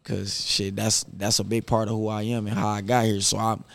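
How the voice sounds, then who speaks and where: A fairly low-pitched man with vocal fry talks fairly quickly, with no echo in the recording. In his 30s and a boxer, he's a podcast guest who stays reserved and even-keeled while using slangy, casual phrasing.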